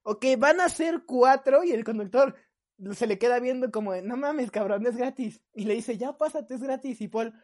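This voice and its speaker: A woman's voice: a little high, moderate pace. A young adult woman with a Mexican Spanish accent, co-hosting a podcast and telling a story in casual chat, acting out her friends' lines. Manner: animated, acts out friends' lines. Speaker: podcast co-host.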